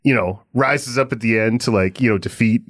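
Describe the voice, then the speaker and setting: A man's voice: mid-range voice, fairly quick, no room sound, studio quality. A man co-hosting a podcast, rambling casually about music and often restarting his sentences. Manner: rambling, hesitant, with frequent restarts and laughs. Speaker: podcast co-host.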